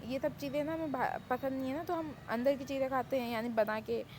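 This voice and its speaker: A woman's voice: high-pitched, steady tone, fairly quick, a little mellow, slight background noise, lightly acted. A woman voicing a doting vampire mother who fusses and makes hesitant excuses. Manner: doting, calls her child, hesitant excuses. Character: sweet vampire mother, fussing and evasive. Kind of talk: Hindi fan-fiction audio story.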